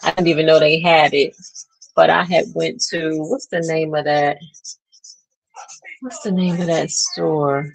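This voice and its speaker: A woman in her thirties talks casually to her viewers in a low voice with a gravelly edge. She takes her time, rambling and pausing as she hunts for words. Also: fairly even intonation, low-quality recording. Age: 30s. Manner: chatty and rambling, trails off searching for words. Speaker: beauty vlogger. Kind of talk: casual chat to camera.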